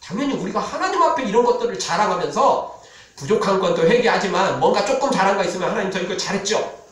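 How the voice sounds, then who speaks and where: A male pastor preaching a sermon with animated delivery, dropping to a solemn tone for scripture. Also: high-pitched, quick pace. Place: church sanctuary. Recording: echoey church hall, mic from a distance.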